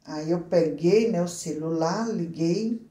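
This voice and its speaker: A woman giving an earnest personal religious testimony, speaking haltingly and often repeating words and restarting phrases. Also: lowish voice, mellow, roomy sound. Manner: earnest, addresses listeners directly.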